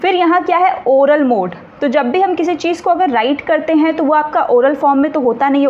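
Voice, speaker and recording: A woman teacher gives an exam-prep lecture. She explains step by step and often checks whether her students follow. The recording is a little dull, with faint room ambience behind her. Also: high voice.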